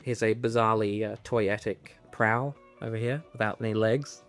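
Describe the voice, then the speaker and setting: A man co-hosts with casual, wry commentary. His voice sits fairly low, and music plays faintly behind him. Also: fairly even intonation, normal speed. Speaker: co-host commenting on a comic.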